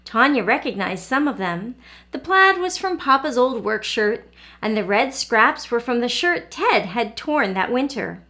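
A woman reads a picture book aloud to young children in a fairly high voice, stopping now and then to ask them gentle questions. She is clear and patient, keeping her pace steady as she tells the story. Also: unhurried. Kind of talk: read-aloud storytelling for kids.

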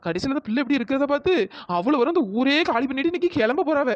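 A bossy village gossip in a cartoon story, played by a woman rattles on quickly and scolds freely. Her voice is high, and the recording is dry, close and a bit dull. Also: animated, heavy background noise. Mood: gossipy. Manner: chatty, scolding, fast-talking.

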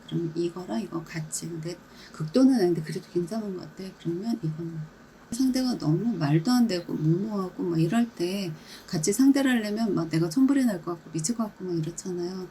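A woman talks through calming habits in a relaxed, chatty coaching style, slipping into quick acted-out examples and laughing now and then. Her voice is mellow and warm, with a faint hiss behind it. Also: lowish voice, poor audio. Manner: chatty, demonstrative, acts out little scenes, laughs often. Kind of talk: casual instructional talk.

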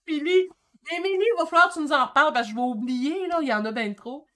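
Excitable Québécoise woman in her fifties. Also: high voice. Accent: Québécois French. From Quebec. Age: 50s. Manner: excitable and chatty, quick shifts in energy. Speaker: painting channel host. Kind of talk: casual livestream chat reading comments.

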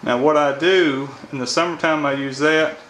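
A man in his thirties with a Kentucky accent, working as an HVAC technician, explains heating and air repair casually on the job, first outdoors by an AC unit and then inside a house. His voice is fairly high and fairly bright, with fairly even intonation and a moderate pace, and he's folksy, thinks aloud, and says "all right" often. It's a rough camera-mic recording with faint music behind.

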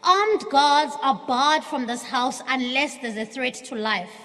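A South African woman in her thirties delivering a forceful speech at the podium of a large parliamentary chamber, slipping into isiXhosa. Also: sits high, a little slow. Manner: forceful oratory, switching into isiXhosa. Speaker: opposition chief whip. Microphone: podium microphone. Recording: broadcast feed with long hall reverb.

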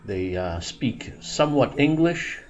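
A man's voice: medium pitch, sing-song, slow pace, muffled recording, faint music behind. A man in his sixties narrating a casual vlog in a dental clinic, chatty and plain-spoken, laughing at himself. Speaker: vlogger.

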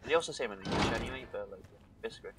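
Heavy background noise surrounds a young Welshman's fairly low, animated voice as he chatters very fast to his chat. He's streaming a game from his home on a headset, rambling casually throughout.

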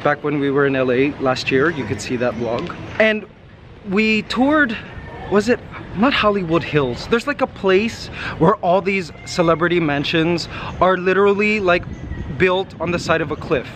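Male vlogger, thirties, high-pitched, exclamatory casual chat, recorded on a noisy city street. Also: normal speed. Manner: animated, exclamatory, talking while walking. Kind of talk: casual walking vlog chat. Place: outdoors walking along a residential city street. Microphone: camera held at arm's length. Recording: outdoor city street noise, passing cars. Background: street ambience and vehicles.

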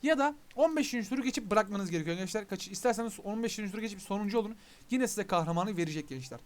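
A man's voice: high voice, expressive, racing. A young man with a Turkish accent giving casual gameplay commentary as a YouTuber, chatty and pleading with the game while talking to his viewers. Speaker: gaming YouTuber.

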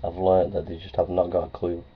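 A middle-aged man's husky, low-pitched voice comes fairly quick and monotone as he vlogs casually into a nearby webcam. He talks plainly and repetitively, with many ums and uhs and phrases said again. He sits in a small office with framed certificates on the wall; the sound is dull lo-fi with a faint hiss.

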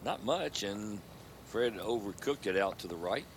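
A man's voice: fairly low pitch, expressive, unhurried. A man giving casual, analytical live commentary as a golf commentator. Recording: clearly noisy outdoor broadcast.

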